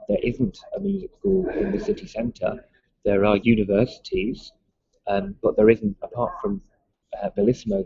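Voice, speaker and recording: A man's voice: a little high, vocal fry, mellow, husky, dry recording. A man from Liverpool with a mild Liverpool accent, a music school owner answering interview questions hesitantly, with many ums and restarts. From Liverpool, England. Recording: dull lo-fi sound.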